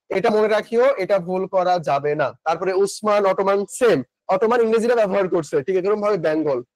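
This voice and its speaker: A man's voice: high voice, darkish tone, no echo. A young man with a Bangladeshi Bengali accent teaching a live online class, chatty, asking and answering his own questions and reading out student comments. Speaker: online admission-coaching teacher.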